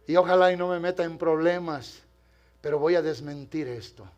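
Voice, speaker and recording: Older male pastor, high voice, preaches to his congregation in church, quiet at times, then rising to loud impassioned passages. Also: moderate pace, lo-fi sound, faint music behind. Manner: addresses the congregation directly. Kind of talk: sermon.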